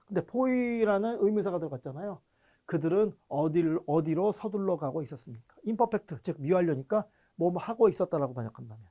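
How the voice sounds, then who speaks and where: An animated man with a high, mellow voice teaches grammar over the internet, though the recording is muffled. He breaks things down stepwise, checks comprehension often, and sounds out foreign words slowly.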